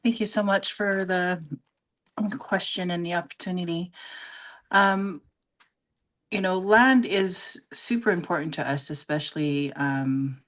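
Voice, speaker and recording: A woman from Samoa speaks as a panelist on a video call, pausing often with fillers. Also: fairly low pitch. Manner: hesitant, with frequent fillers. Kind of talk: panel discussion.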